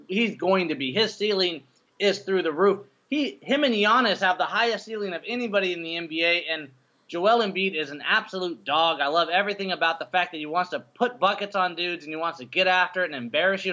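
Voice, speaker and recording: A playful, enthusiastic man chatting casually about sports, his voice bright and sharp and pitched a little high. The sound is dull and lo-fi. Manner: playful, enthusiastic, laughs often. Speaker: co-host.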